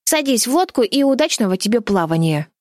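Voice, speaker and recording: A woman voicing a small girl in an audiobook, high and defiant, close to tears. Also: big pitch swings, brisk, darkish tone, no room sound. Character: fierce defiant little girl. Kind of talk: audiobook character voice.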